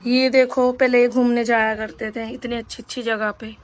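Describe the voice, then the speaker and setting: Young female vlogger with a high voice, talkative and rambling, speaks straight to camera. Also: level tone, normal speed. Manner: chatty and rambling, addresses viewers directly. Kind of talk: casual vlog chat.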